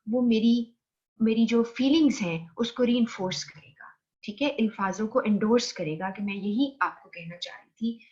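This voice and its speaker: Female lecturer with a Pakistani Urdu accent, medium pitch, mixes English into her teaching, slightly muffled recording. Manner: explains slowly, mixing English terms into Urdu.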